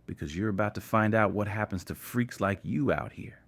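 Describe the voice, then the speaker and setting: A man reading the part of a cruel, sneering male sailor who menaces two shipmates, in a low, venomous voice. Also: brisk, gravelly, a bit bright, no echo. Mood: menacing.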